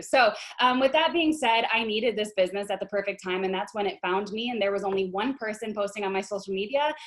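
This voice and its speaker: A young woman in her twenties, hosting a business video call in a bubbly, excited way with frequent fillers. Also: mid-range voice. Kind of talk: casual livestream talk.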